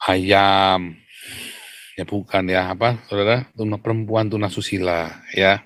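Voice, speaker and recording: A man's voice: steady tone, unhurried, dry recording. Provocative preaching man, dry sound. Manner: provocative, repeatedly asks the audience and answers himself; swings between loud emphatic bursts and low mutters. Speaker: preacher addressing an audience. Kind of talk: preaching monologue.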